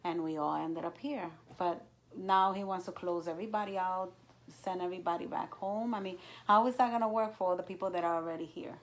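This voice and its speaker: A woman from the United States joins a relaxed political conversation with a fairly low voice. She chimes in with quick agreements and light jokes. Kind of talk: casual political discussion.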